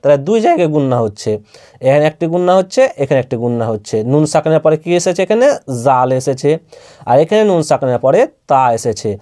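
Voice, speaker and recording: Here a Bangladeshi Bengali-accented man runs a patient recitation lesson, spelling out Quran letters slowly while questioning himself and supplying the answers. His voice is a little high and mellow, very animated, and quick.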